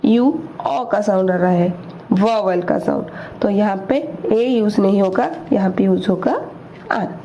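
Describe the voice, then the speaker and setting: A woman teaching English grammar, explaining slowly and repeating each word, asking questions and answering them herself. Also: mid-range voice, dark tone. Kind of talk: slow explanatory lesson in Hindi. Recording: dull lo-fi recording with faint noise.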